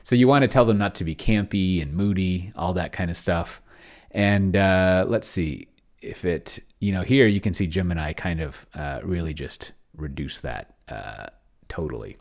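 A man with a low-pitched voice and vocal fry speaks at a moderate pace while screen recording indoors at his computer. He's a solo tabletop roleplayer and video host whose casual commentary rambles hesitantly, laced with wry, self-deprecating humour.

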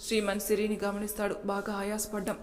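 A woman storyteller narrating a serialized family drama in a steady, plain reading voice. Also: medium pitch, fairly quick, big-room sound.

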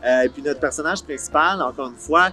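His voice on the high side and his pace a little fast, the Ottawa series creator in his forties talks casually in a Franco-Ontarian accent. It's an outdoor interview on a park film set, where he sprinkles English words into colloquial speech over a soft music bed.

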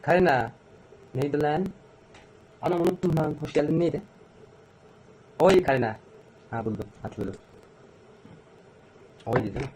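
This man in his twenties streams live, talking casually to viewers in quick slang and mumbling to himself while typing. His voice sits on the high side. The rough recording carries slight background noise, and loud music plays behind him.

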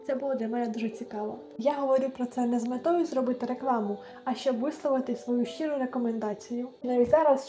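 A young woman in her late teens talks through study advice with an earnest, gentle manner. Her voice sits on the higher side. The room rings noticeably, and clear background music plays under her speech. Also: reverberant. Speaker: vlogger. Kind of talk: advice vlog narration.

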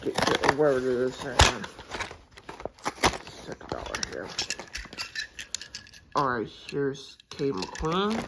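A toy reviewer films a casual unboxing at home on a handheld phone, rambling and hesitant with many restarts but excited about the toys. The mid-range voice goes slowly with long pauses, over heavy background noise.

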